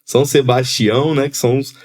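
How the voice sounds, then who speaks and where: A man from Espírito Santo with a Capixaba Brazilian accent, a podcast guest talking in a reflective, halting way with many restarts. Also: medium pitch, steady tone, a little mellow. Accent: Capixaba Brazilian Portuguese. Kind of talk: casual conversation.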